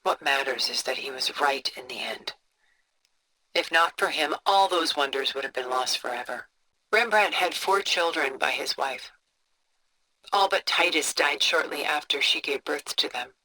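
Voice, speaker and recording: An actress playing a cultured, composed older woman who collects art, with a refined, measured, contemplative delivery for a video game. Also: deep voice, exaggerated voice, poor audio. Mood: reflective, admiring. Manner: refined, measured, contemplative, soft breathy phrase endings. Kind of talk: video game character dialogue, museum-guide storytelling.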